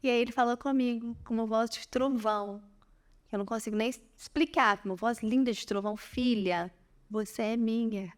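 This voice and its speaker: Young woman, high-pitched, earnest personal testimony. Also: steady tone, fast. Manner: earnest storytelling, addresses listeners as "gente". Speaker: podcast guest.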